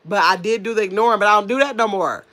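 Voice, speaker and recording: A middle-aged woman coming down with a cold chats casually on her livestream in a nasal, mid-range voice that's quick and fairly bright. She reads viewers' comments and answers them in a sassy, rambling way.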